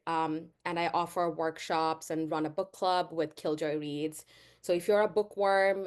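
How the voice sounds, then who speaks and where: Earnest woman facilitator, low-ish voice. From Bangladesh. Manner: earnest, measured, with frequent "um" pauses. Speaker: workshop facilitator. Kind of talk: online workshop presentation. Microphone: video call.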